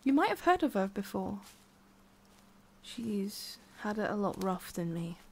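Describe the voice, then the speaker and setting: In an ASMR roleplay, a woman voices a forest witch centuries old, addressing the listener directly. Her ordinary female pitch is full of vocal fry and swings widely; she's prickly and haughty outwardly but softer beneath, musing haltingly in a fond, reflective mood.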